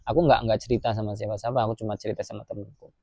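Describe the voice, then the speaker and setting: A man from Indonesia, telling a story in a casual vlog. He retells it lively and acts out voices and sounds. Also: lowish voice, rapid-fire, gravelly, no room sound. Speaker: migrant worker vlogger.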